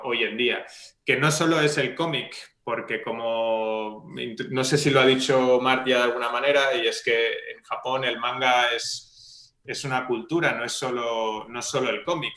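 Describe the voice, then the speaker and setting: Bright-voiced man in an echoey room. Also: mid-range voice, steady tone, moderate pace. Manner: lecturing, many fillers and restarts. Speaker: debate panelist. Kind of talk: casual panel discussion.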